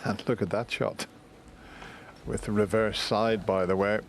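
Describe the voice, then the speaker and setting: A man provides live snooker commentary in a fairly low voice. He sounds conversational and appreciative of the play, over slight background noise. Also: steady tone, measured pace.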